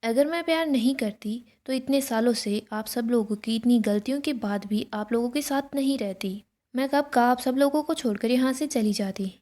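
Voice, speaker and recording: A woman's voice: a little high, moderate pace, dark tone, lightly acted. A woman reading as an earnest middle-aged mother. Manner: earnest, moralizing.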